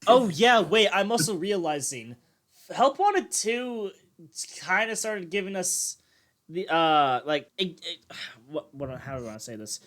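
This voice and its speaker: A man's voice: a little high, lively intonation, moderate pace, fairly bright tone. A young man co-hosting a casual podcast chat with friends, rambling with lots of fillers and restarts. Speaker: podcast co-host.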